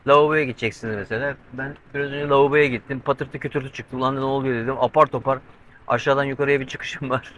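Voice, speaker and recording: Talking quickly with fairly even intonation, a middle-aged man sailing solo vlogs from the covered cockpit of his boat at sea. His medium-pitched voice is a bit bright, and his handheld pole-mic camera catches a little hiss or hum. He explains step by step, tense as he watches the weather.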